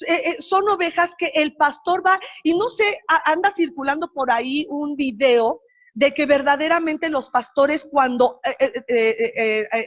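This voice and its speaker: Woman pastor, middle-aged, high voice, conversational sermon, slightly muffled recording. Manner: conversational, asks the congregation questions.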